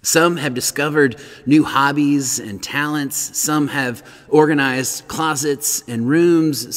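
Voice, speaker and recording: A middle-aged pastor preaches in a large empty sanctuary, earnest at first and growing animated as he reads. His mid-range voice carries big-room sound.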